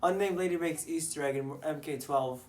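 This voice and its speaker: A young man co-hosting a casual gaming chat, easygoing and quick to laugh. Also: fairly high pitch, darkish tone, slight background noise. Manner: easygoing, laughs a lot, says "dude" and "nice". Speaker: podcast co-host.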